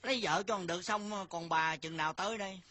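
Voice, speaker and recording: An actor playing a flustered, exasperated husband in a comic folk-opera skit. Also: female voice, fairly low pitch, fast. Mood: teasing banter. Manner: exasperated, shouting, teasing. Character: flustered husband of a pregnant wife. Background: loud stage music.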